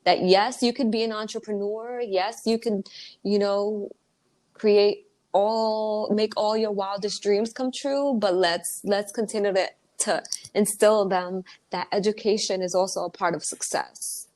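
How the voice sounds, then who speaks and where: Her voice is medium-pitched, slightly mellow and fairly level, paced with care. She's a Dominican author and entrepreneur being interviewed casually, sounding sincere and giving her words motivational weight.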